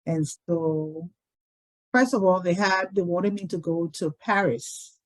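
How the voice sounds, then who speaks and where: A woman tells her life story at a very slow, deliberate pace. She speaks in a lowish voice and pauses often as she gathers her thoughts. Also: steady tone, rough recording. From Liberia. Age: 60s. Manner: unhurried, thoughtful, many pauses and "um"s. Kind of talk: reflective personal storytelling.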